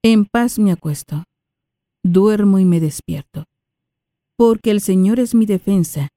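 Woman, liturgical reader, slow solemn reading, warm mellow tone, dry sound. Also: mid-range voice, dry recording. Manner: measured, reverent, unhurried phrasing.

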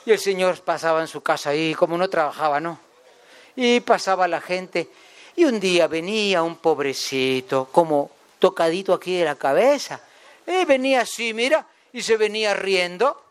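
A Guatemalan-accented preacher with a high voice tells homely stories in a chatty sermon, joking and asking his listeners questions. The sound is dry and close. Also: animated, normal speed, smooth, dry recording. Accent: Guatemalan Spanish. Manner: chatty, jokes with the congregation, asks them questions. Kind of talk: folksy storytelling sermon.

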